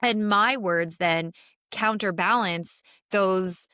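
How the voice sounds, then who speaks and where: A woman co-hosts a relaxed podcast conversation, speaking with earnest emphasis and a mid-range pitch. Her pace moves freely between quick and drawn-out. The recording is dry and close. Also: smooth, no echo. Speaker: podcast co-host and coach.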